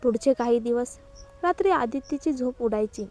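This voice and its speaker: A woman reads a romantic drama story aloud as scripted narration. Her voice sits a little high, and she carries every character's lines herself without much change of voice, now and then stumbling and restarting a word. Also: expressive, normal speed, dark tone, soft background music. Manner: small slips and restarts.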